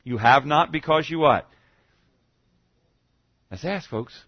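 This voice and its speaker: A man's voice: fairly high pitch, takes it slowly, no echo, highs cut off. A man preaching a sermon in a conversational way, often checking in with his listeners with "okay?" and rhetorical questions, and stumbling over restarts now and then. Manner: stammering restarts. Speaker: pastor.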